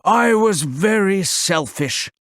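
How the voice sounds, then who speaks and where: Man doing a gruff selfish giant. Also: sits high, expressive, slow pace, fairly bright tone, dry recording, pitched above the performer's own voice, exaggerated voice. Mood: remorseful. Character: gruff selfish male giant who turns remorseful.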